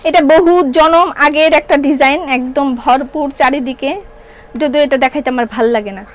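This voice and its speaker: A woman's voice: high-pitched, normal speed, rough recording. A woman from Bangladesh who owns a clothing shop, selling live from her showroom and chatting with viewers while repeating prices again and again. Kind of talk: live product selling, reading viewer comments.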